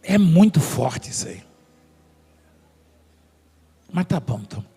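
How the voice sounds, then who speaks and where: High, lively preacher man in a hall. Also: a little fast, vocal fry, slightly rough. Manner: storytelling, jokes with the congregation and staff. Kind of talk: sermon. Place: large church hall. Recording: long hall reverb, faint music.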